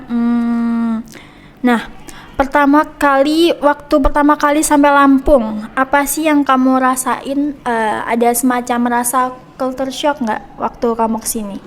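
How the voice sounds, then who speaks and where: Young woman podcast host, high pitched, keeps the chat going with hmms. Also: fairly even intonation, unhurried. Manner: chatty, friendly prompting with many hmm and nih fillers. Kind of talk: casual podcast interview.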